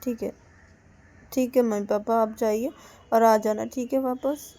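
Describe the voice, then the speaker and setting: A woman voicing Payal, a tearful, clingy young woman who protests in a high, whiny voice in a storybook tale. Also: fairly even intonation, unhurried, dark tone.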